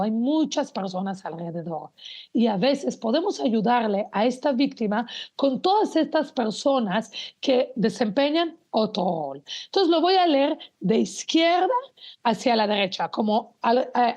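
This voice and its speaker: A woman presents to an audience of teachers and parents, walking them through her slides. Her voice sits a little high, and her delivery is earnest and explanatory, often turning to address the audience directly. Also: darkish tone. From Mexico. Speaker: educator giving a talk to teachers and parents. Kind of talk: spoken presentation about images on slides.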